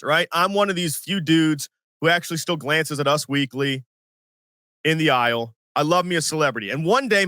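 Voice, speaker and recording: A man in his forties hosting a sports podcast, telling stories in an animated, self-mocking way and acting out what others said. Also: a little high, dry recording, clean studio sound. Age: 40s. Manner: animated, self-mocking storyteller who acts out quotes. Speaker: podcast host. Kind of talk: casual sports podcast storytelling.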